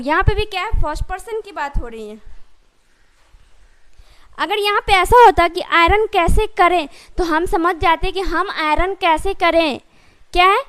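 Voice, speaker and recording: A woman teaching a spoken English lesson, explaining step by step, asking her students questions and slowing right down on each example sentence. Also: extremely high pitch, fairly bright tone. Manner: addresses students directly and often asks questions.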